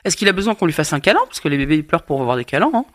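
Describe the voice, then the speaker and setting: Fast-talking, plain-spoken French woman expert. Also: low voice, lively intonation. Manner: blunt, familiar, colloquial. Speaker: midwife or women's health expert guest. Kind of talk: casual expert advice.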